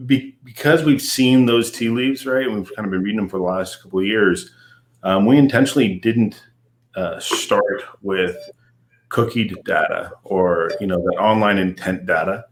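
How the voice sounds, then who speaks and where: A company CEO appears as a guest in a casual business interview, explaining things at length and filling his speech with plenty of "um"s and "you know"s. His voice is fairly low and moderately paced, with slight background noise.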